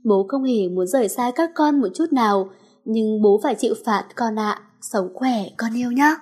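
A remorseful older father speaks softly and tenderly to his daughter in a storybook reading, as a woman narrator reads his lines. The voice stays fairly high, close to the reader's own. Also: normal speed, husky. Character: dying father, older man, gentle and remorseful.

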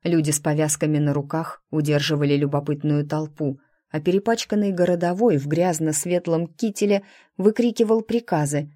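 A woman narrating a first-person audiobook in an even, expressive storytelling voice. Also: low-pitched, moderate pace, no room sound, clean studio sound.

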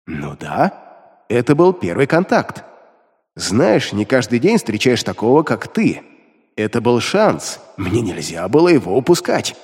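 A man voicing a contemptuous male demon who speaks inside the hero's head, slow, grumbling and scornful. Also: mid-range voice, sing-song, darkish tone, slightly rough. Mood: matter-of-fact. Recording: long reverb.

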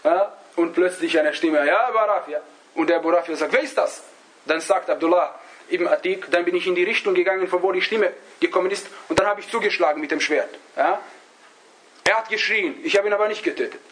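High-voiced man teaching, halting delivery. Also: steady tone, fairly bright tone, poor audio. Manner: halting, searches for words, often adds a questioning "ja?". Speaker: religious teacher. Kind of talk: religious lesson, storytelling to a class.

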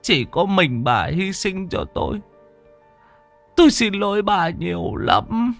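A man's voice: sits high, very animated, extremely slow, a bit bright, voice pushed up, heavily acted. A broken, remorseful middle-aged husband speaks in choked, sobbing phrases, voiced by a man reading a story. His voice rises and falls widely. Faint music plays underneath.

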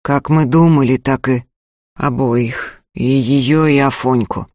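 A man voicing a numb, flat-voiced young peasant. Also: mid-range voice, slow pace, no echo, clean studio sound, pitched below the performer's own voice, lightly acted. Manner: flat, lifeless, even voice. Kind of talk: audiobook character reading.

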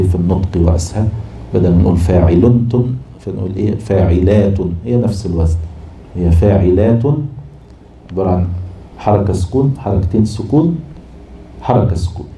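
A man with an Egyptian accent gives a lesson, patiently explaining a text and drawing out syllables one by one. His voice sits low and sounds very dark and mellow. The recording carries the echo of a room, with faint background noise. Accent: Egyptian Arabic. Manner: patient, repeats and spells out syllables slowly. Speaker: teacher of Arabic prosody.

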